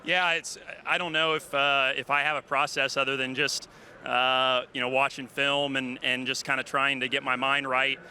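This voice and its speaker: A racing driver, out of breath, answering a post-race interview in halting speech with many fillers. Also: male voice, mid-range voice, level tone, bright, forceful tone. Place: outdoors at a racetrack.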